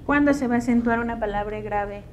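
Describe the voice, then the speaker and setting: A woman's voice: a little high, fast, darkish tone, slight background noise. A woman teacher with a Mexican Spanish accent lecturing a class in a classroom, patient and checking understanding with questions.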